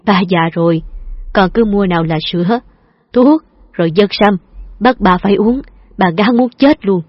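A woman voicing a gruff but doting old father who gently grumbles and mock-scolds. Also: mid-range voice, moderate pace, dry recording, lightly acted. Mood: fondly scolding. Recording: dull lo-fi dry recording.

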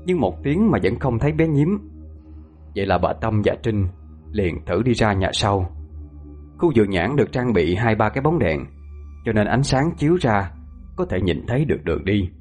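A man with a Southern Vietnamese accent narrating a horror story slowly and with suspense. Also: on the low side, sing-song, darkish tone, soft background music. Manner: slow, suspenseful.

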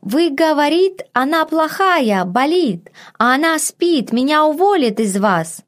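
A woman's voice: sits high, very animated, voice pushed up. A woman voicing a flustered middle-aged maid who chatters in broken, garbled speech. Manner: fast, garbled, ungrammatical chatter.

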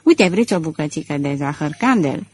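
A woman voicing a mocking gentleman thief. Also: low voice, lively intonation, breathy edge. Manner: sneering, playful. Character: gentleman thief, mocking, theatrical, confident man.

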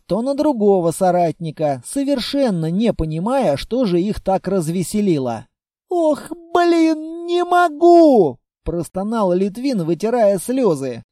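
An audiobook narrator reading a fantasy story in a measured, unhurried way. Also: mid-range voice, lively intonation, dark tone, dry recording, clean studio sound.

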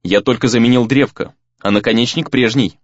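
A man voicing a calm, steady young male spell-caster hero who speaks in a reassuring way in an audiobook. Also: medium pitch, brisk, husky, dry recording, dull audio, lightly acted.

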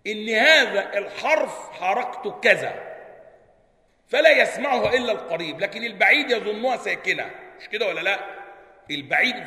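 High, bright-voiced Egyptian man teaching. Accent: Egyptian Arabic. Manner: reads a passage, then explains it colloquially with frequent checks on the listeners. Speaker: sheikh teaching Quran recitation. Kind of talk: explaining a classical text line by line. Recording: echoey hall.

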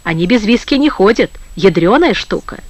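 A man's voice: high voice, animated, moderate pace, no room sound. A man reading an audiobook, voicing a tipsy, talkative sailor who mutters cheerfully. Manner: mumbling, chatty.

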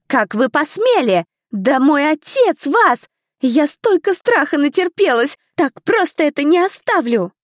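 Woman putting on a spoiled young noblewoman, whiny, indignant, high voice. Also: very animated, measured pace, dry recording, clean studio sound.

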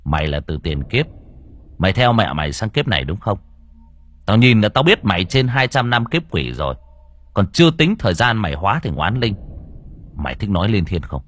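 A man's voice: on the low side, very animated, brisk, a bit bright. A man doing a stern, threatening young exorcist. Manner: blunt, threatening, commanding. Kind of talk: audio horror story reading.

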